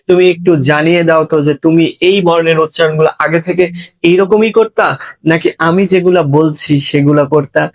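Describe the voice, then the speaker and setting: A man with a Bangladeshi Bengali accent teaching a grammar lesson, coaxing students with quick rhetorical questions. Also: on the high side. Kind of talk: classroom-style lesson to students.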